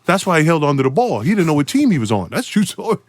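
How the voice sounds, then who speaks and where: A man in his forties, guesting on a podcast, tells an animated story at a fast clip, laughing often and leaping into high, excited voices. The sound is studio quality with no echo.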